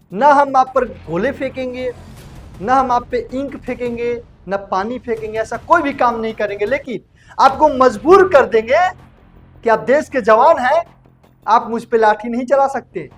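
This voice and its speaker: A man hosting a casual online news report, talking chummily to viewers and calling them brother. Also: extremely high pitch. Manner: chatty, addresses viewers as brother. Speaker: news anchor.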